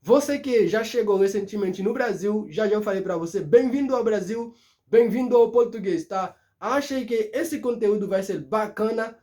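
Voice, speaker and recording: High-voiced Haitian man teaching language. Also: mellow. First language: Haitian Creole. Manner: switches between Creole, French and Portuguese, repeating words slowly to teach. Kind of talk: casual video lesson.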